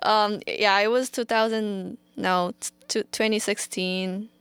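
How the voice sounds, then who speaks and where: Young woman co-host, very slow, searching for words, crisp clear voice. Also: medium pitch, fairly even intonation, fairly bright tone, dry recording. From South Korea. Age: young adult. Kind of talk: casual campus radio chat.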